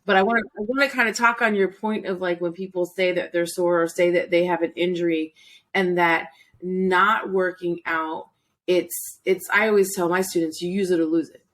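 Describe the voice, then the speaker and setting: A woman's voice: fairly low pitch, fairly even intonation, moderate pace, fairly bright tone. Chatty woman host, casual interview. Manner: chatty, repeats phrases, laughs easily.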